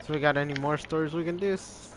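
A man's voice: on the high side, fairly even intonation, fast, a little hiss or hum. Teasing young man with a raised voice. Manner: joking, teasing, laughs often. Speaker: podcast co-host. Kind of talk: casual chat.

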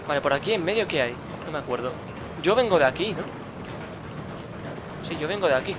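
In this let's play commentary, a man with a high-sitting voice mutters and grumbles to himself, frustrated and cursing at the game he's playing. The background is noisy.

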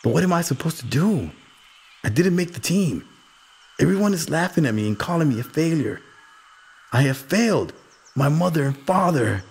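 A man's voice: medium pitch, expressive, normal speed, long pauses, darkish tone, husky, voice pushed up. A man voicing an anxious, troubled young boy who pleads and recounts things in a shaken way. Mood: pleading.

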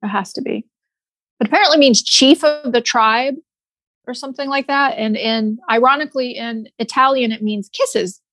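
A woman's voice: on the high side, moderate pace, a bit bright, no echo. A woman guest on a podcast interview, talking in an easygoing way and thinking aloud. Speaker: guest artist. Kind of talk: casual interview conversation.

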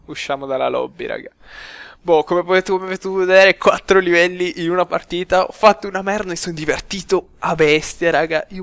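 A young man giving excitable live gameplay commentary, swearing and talking to his viewers. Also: a little high, no room sound. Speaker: gaming youtuber.

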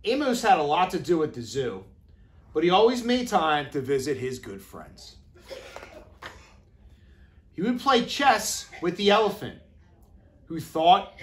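In an indoor classroom, a man in his thirties reads a children's storybook aloud with deliberate, expressive phrasing, the way an educator reads to young children. His voice is a little high.

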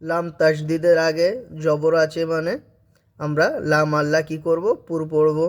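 A male teacher giving a Quran reading lesson, who spells out the letters and recites the verses slowly, asking and then answering his own questions. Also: a little high, monotone.

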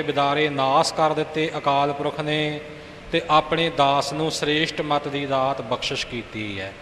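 A man teaching the correct recitation of scripture in a calm, instructive way. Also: a little high, roomy sound, big-room sound, slight background noise.

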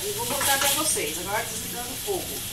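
A middle-aged woman with a fairly high, expressive voice speaks fast as she cooks at home for her vlog, addressing viewers in a casual, direct way. The small indoor kitchen echoes, sizzling comes through clearly, and the phone is partly across the room.

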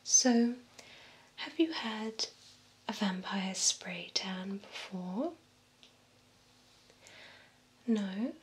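Whispering breathily at medium pitch, a young adult woman portrays a vampire beautician tending to a client slowly, soothingly, and formally, with a poised, calming mood. It's ASMR role-play captured on a close binaural microphone, a close whisper over clear ambient noise, though the recording is rough.

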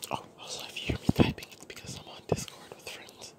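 Woman whispering while chewing bubble gum. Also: fast. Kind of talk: ASMR ramble.

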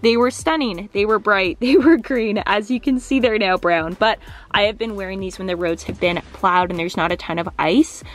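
A woman's voice: mid-range voice, normal speed. A young woman giving chatty, casual narration as a running vlogger. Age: young adult.

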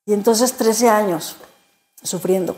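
Warm-voiced woman giving testimony. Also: medium pitch. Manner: emotional, halting, many repeated words. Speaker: interview guest. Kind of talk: personal faith testimony.

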